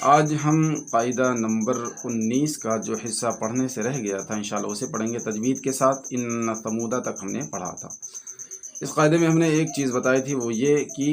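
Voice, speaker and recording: A man teaching a Quran reading lesson in an Indian Urdu-Hindustani accent, spelling out letters and vowels and then slowly blending them into words. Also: medium pitch, a little hiss or hum.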